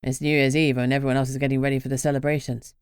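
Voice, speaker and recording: A woman reading a story puts on the voice of a gruff, stern male vampire, pushing it very low so it sounds blunt and matter-of-fact. Level in tone, rapid-fire and darkish, it's recorded close and dry with no room around it.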